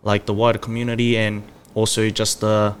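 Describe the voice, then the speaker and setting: A man's voice: on the low side, monotone, fairly quick, a little hiss or hum. A man in his twenties from Samoa, a podcast guest chatting in a laid-back, easygoing way. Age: 20s. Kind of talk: casual chat.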